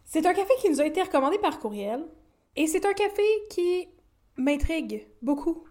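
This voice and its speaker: A woman's voice: sits high, animated, normal speed, darkish tone. A woman with a Québécois French accent co-hosting a podcast in playful, chatty conversation, laughing often. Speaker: podcast co-host. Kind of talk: casual chat.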